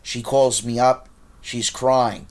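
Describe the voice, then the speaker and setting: A man with a voice of ordinary pitch records a rambling monologue straight to camera. He sounds agitated and accusatory, turning to address people directly as he goes. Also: flat delivery, takes it slowly, a little mellow. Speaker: vlogger.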